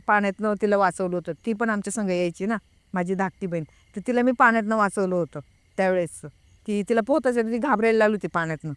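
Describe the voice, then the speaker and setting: A woman telling a personal story in a casual, hesitant way. She pauses to recall details. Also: mid-range voice, clear, resonant tone, no echo. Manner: reenacts a friend's frightened words. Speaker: guest recounting a personal experience.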